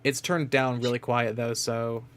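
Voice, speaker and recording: A man's voice: mid-range voice, little pitch movement, unhurried, fairly bright tone. A man chatting casually as he streams a game. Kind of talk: casual chat while playing a game. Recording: clear background noise.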